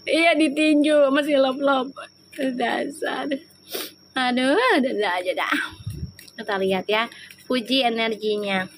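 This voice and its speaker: High-voiced chatty woman tarot reader. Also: steady tone, slight background noise. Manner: jokey and teasing, bursts into loud laughter; slow, soft-spoken when praying. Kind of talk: live tarot reading, chatting with viewers.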